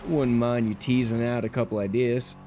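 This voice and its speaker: A laid-back man chats with his stream audience while he plays, in a rambling way full of ums and uhs. His voice sits in a middle pitch and comes through a livestream headset mic with a faint hiss behind it. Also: little pitch movement, normal speed, dark tone. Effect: livestream headset mic audio. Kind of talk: casual gameplay chat with viewers.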